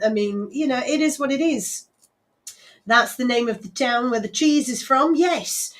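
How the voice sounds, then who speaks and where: A woman's voice: fairly high pitch, a bit bright. A woman hosting a live local radio show with a West Country English accent, chatting casually and rambling with frequent laughs and fillers. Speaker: radio host.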